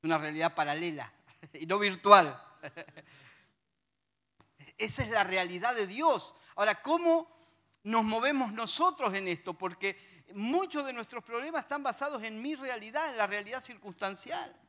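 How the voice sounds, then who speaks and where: A man with a high voice and a Rioplatense Spanish accent preaches a sermon. His tone is bright and forceful, and he reads scripture aloud between lively, humorous asides to the congregation. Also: unhurried.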